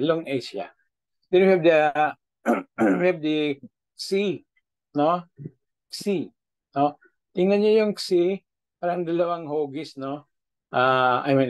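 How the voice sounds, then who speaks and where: Filipino man, pastor, slow patient lecture, clear resonant voice, video call. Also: fairly high pitch, rough recording. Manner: slow, patient, asks "no?" after points. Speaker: pastor teaching Biblical Greek. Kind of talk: online class lecture.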